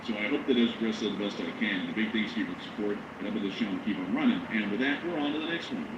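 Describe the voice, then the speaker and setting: A man's voice: fairly low pitch, very fast. A man from the United States with a radio-announcer-like voice, chatting casually as he co-hosts a live news stream. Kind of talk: casual livestream chat and reading supporter messages. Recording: roomy, dull lo-fi, clear background noise.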